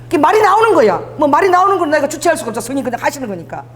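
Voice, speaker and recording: A woman pastor delivers a sermon as lively storytelling, her voice pitched fairly high and swinging widely. The church hall gives a long echo, with faint noise behind her. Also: very fast. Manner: animated storytelling with laughter.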